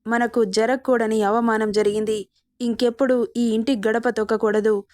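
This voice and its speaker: A woman's voice: fairly high pitch, little pitch movement, normal speed, darkish tone, no room sound, clean studio sound, close to an everyday voice. A woman reading the lines of a proud middle-aged uncle who speaks sternly and indignantly in an audio story.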